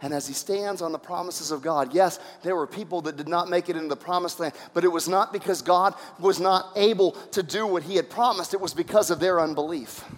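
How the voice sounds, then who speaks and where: A man preaching a sermon as pastor, telling the story in an animated way and acting out the voices. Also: sits high, fairly quick, hardly any pauses. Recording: reverberant hall.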